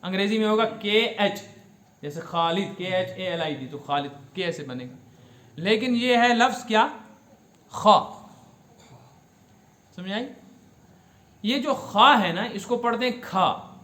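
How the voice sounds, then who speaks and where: A loud, resonant older male mufti with a Kashmiri accent and a high, sharp voice, recorded with a roomy sound, gives a religious lesson on Quran commentary. He explains things carefully, poses questions to his audience, and slowly repeats Arabic words.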